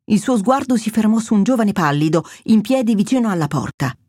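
Steady woman narrating a thriller. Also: mid-range voice, no room sound, studio quality. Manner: measured, steady storytelling. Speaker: audiobook narrator. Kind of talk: scripted narration.

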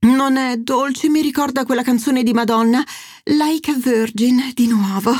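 A woman's voice: high-pitched, unhurried, a little mellow, no echo, clean studio sound, pitched above the performer's own voice. A woman doing a theatrical, self-pitying mother. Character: dramatic, flighty middle-aged mother about to remarry.

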